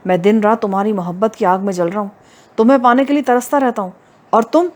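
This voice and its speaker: A woman's voice: medium pitch, darkish tone, close to an everyday voice. A woman voicing a lovesick young man in an audio novel, pleading earnestly.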